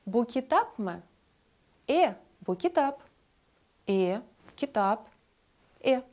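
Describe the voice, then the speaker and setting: A woman narrating a scripted language lesson, explaining grammar clearly and slowing down to model example phrases. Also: a little high, sing-song, a little mellow. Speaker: language teacher.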